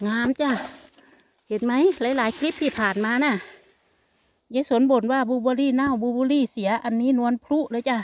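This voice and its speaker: A woman's voice: a little high, steady tone, fairly quick, darkish tone, lo-fi sound. An older woman with an Isan Thai accent chats casually to viewers while picking berries in a forest, calling them family. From Thailand. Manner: chatty, addresses viewers as family. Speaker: vlogger. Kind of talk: casual chat while foraging. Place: outdoors in a forest. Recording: faint outdoor noise.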